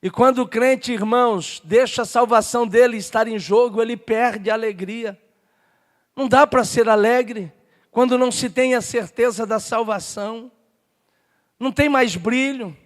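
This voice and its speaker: A Brazilian man preaching a sermon as pastor, telling a story and building up to shouted passion. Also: extremely high pitch. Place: church. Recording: long church hall reverb.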